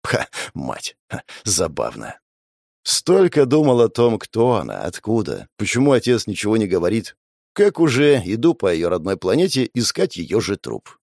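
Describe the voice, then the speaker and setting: A man's voice: fairly low pitch, sing-song, moderate pace, gravelly, a little mellow, no echo, clean studio sound. A man narrating a first-person fantasy audiobook in a sardonic, crude, wry way.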